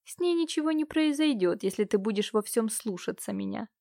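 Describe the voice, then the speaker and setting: A woman's voice: on the high side, expressive, fairly quick, dark tone, dry recording, studio quality. A woman voicing a cruel, domineering uncle who scolds and threatens his niece. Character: cruel domineering middle-aged uncle, man.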